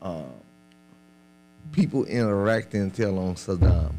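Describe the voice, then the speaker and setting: A man's voice: sits low, a little slow, dark tone, slight background noise. A man arguing in a casual group debate, slangy and often repeating himself to press a point.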